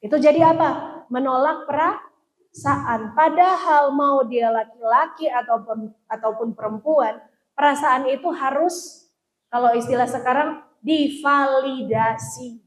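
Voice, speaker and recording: High-voiced woman. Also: a little slow, rough recording. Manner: asks the audience questions, acts out parents and kids. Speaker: psychologist speaker at church parenting retreat. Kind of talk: lively seminar talk to parents. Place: church hall.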